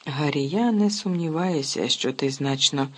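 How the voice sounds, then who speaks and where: Reader doing an earnest worried father, husky. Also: normal speed, natural voice. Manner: earnest, low and hushed.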